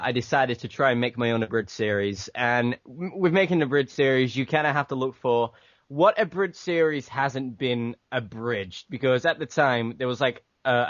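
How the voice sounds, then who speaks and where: A man's voice: mid-range voice, no room sound. Rambling man on lo-fi voice chat. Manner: rambling, filler-heavy, laughs often. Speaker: abridged series creator and voice actor. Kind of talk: casual interview chat. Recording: dull lo-fi voice chat audio.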